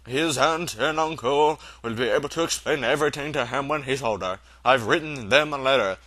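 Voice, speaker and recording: A wise old wizard headmaster from a storybook, acted by a man reading aloud. He speaks firmly and with assurance, in a bright, projected voice. The recording is dry and close. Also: mid-range voice, no echo. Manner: measured, assured, firm.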